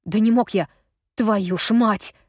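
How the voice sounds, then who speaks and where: A woman's voice: on the low side, expressive, normal speed, a little mellow, dry recording, clean studio sound. Female narrator doing a flustered man in a car, hesitant, easily rattled. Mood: panicked. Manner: hesitant, then swearing in panic. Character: worried middle-aged man, flustered and sighing.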